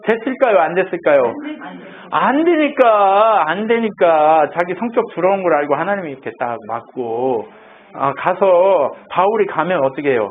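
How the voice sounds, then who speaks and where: A male pastor preaching a lively, conversational sermon and firing questions at his congregation. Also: high-pitched. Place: church sanctuary. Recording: tinny phone-like church recording with faint noise.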